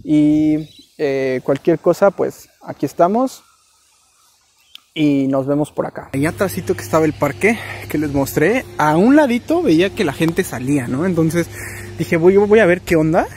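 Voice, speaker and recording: A man's voice: fairly high pitch, lively intonation, moderate pace, a little mellow, a little hiss or hum. A young Mexican man with a Mexican Spanish accent, giving rambling, slang-filled casual advice in a vlog. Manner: slangy, rambling, keeps saying güey. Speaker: vlogger.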